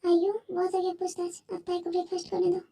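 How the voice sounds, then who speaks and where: A woman voicing a calm, protective middle-aged father who talks in a soothing, polite way. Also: very high voice, a little fast, recorded from a distance.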